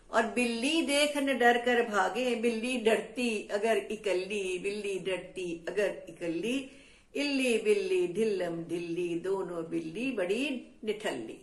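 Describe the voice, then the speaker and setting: A woman poet reciting and explaining rhyming poems for children in a sing-song chant, repeating the refrains again and again. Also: mid-range voice. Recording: roomy echo.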